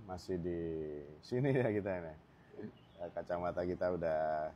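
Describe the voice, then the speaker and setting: A deep-voiced man chats easily to his viewers outdoors, hosting a mental health talk in a loose, filler-heavy way. Faint outdoor ambience hangs under his voice. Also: slight background noise. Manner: relaxed, chatty, with frequent fillers and asides. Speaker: mental health channel host. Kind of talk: casual talk to camera. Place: outdoors in sunlight.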